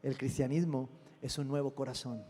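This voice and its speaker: A man, a pastor preaching a lively sermon and acting out little dialogues. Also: medium pitch, moderate pace, in a large hall, slight background noise. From Colombia. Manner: animated preaching, acting out dialogues with God and listeners. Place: church sanctuary.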